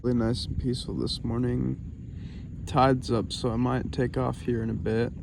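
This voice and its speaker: A tired young man vlogging from his small sailboat by an island at night, talking slowly and rambling, with fillers and the odd swear. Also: medium pitch, flat delivery, gravelly. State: sleep-deprived. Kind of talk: casual vlog narration. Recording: noisy outdoor phone recording. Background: water, boat sounds and crickets.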